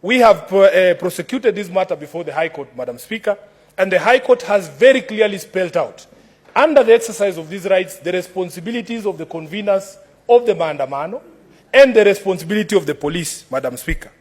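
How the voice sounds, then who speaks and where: A man's voice: high-pitched, animated, a little fast. A man with a Kenyan accent delivering a combative, declamatory speech in a formal parliamentary debate as an opposition senator. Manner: combative, declamatory, repeats formal address to the chair.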